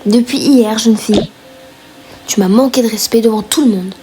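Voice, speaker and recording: A woman's voice: a little high, normal speed, dark tone, lightly acted. A woman playing a stern, grumpy pregnant mother who scolds her daughter. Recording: music playing under the voice.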